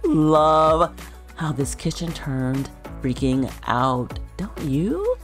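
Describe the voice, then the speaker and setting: Woman vlogger, low voice with big swings, over soft background music. Excitable, gushing tour host who talks straight to her viewers. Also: extremely slow. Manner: gushing, excitable, repeats herself for emphasis. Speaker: vlogger giving a virtual home tour. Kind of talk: casual chatty tour narration.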